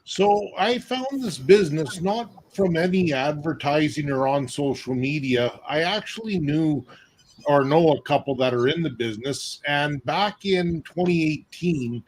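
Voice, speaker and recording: A man's voice: fairly high pitch, animated, a little slow, slight background noise, low-quality recording. A man from Canada, a guest on an online panel, talking in a plain, matter-of-fact way. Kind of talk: casual talk on a video call.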